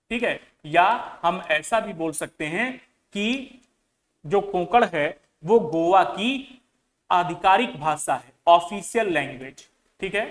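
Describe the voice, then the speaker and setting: A man teaching an exam-prep reasoning lesson, asking his students questions and repeating key words, with English terms mixed into his speech. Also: high-pitched.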